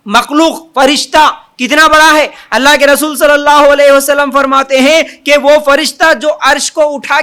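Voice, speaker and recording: Guy giving a sermon, high bright voice, keeps repeating lists and asking questions, draws out the takbir. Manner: repetitive rhetorical questions and lists; emphatic, drawn-out takbir calls. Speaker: Islamic preacher. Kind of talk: Urdu sermon.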